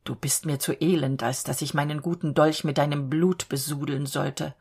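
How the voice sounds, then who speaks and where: A woman's voice: low voice, fairly even intonation, normal speed, darkish tone, slightly rough, pitched below the performer's own voice. A woman reading the lines of a stern, commanding male robber chief in a spoken fairy tale. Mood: wrathful. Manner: wrathful, commanding.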